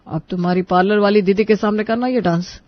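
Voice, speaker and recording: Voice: mid-range voice, steady tone, no room sound, dull audio, natural voice. A performer voicing an impatient young adult son in a cartoon story, talking in a hurry. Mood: hurried. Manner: hurried, pleading.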